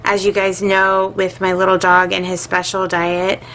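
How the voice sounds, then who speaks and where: A woman's voice: on the low side, completely flat delivery, normal speed, fairly bright tone, a little hiss or hum, poor audio. A middle-aged woman and regular vlogger chatting casually while she sorts her budget, musing aloud with plenty of filler words.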